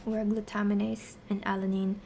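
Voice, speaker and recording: Casting: female streamer-tutor, mid-range and fairly even voice, casual self-directed explanations, some background noise. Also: mid-range voice, normal speed, creaky. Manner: talks to herself while working through answers. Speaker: streamer teaching biochemistry. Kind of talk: casual study-stream explanation, question and answer.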